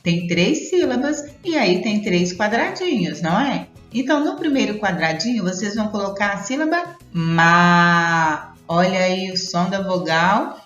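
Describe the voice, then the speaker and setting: Lively woman teacher, roomy dull sound. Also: medium pitch, soft background music. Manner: sing-song, slow and exaggerated on syllables. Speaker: primary school teacher. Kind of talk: teaching young children.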